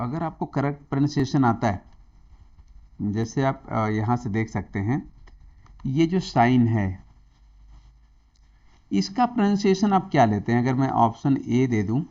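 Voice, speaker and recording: A man's voice: mid-range voice, animated, takes it slowly, long pauses, mellow. Indian man teaching grammar, dull audio. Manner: mixes Hindi and English, quizzes viewers, repeats "yes, yes". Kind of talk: exam-prep grammar lesson.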